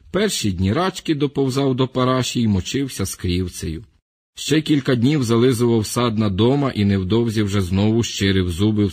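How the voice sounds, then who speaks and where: A man reading a short story aloud in a steady, measured storytelling manner. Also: on the low side, breathy edge. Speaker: narrator.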